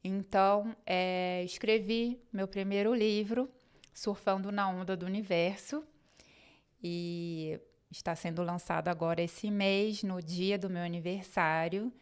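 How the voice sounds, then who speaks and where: A woman's voice: mid-range voice, steady tone, measured pace, clean tone. A woman with a Brazilian Portuguese accent, telling a personal travel story in a chatty, rambling way. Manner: chatty, rambling, acts out quoted conversations.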